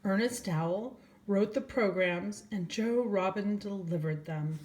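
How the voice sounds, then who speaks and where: With a mid-range, slightly mellow voice captured in poor audio, an older woman reads a children's storybook. As a grandmother, she goes slowly, speaking right to young children and asking them things.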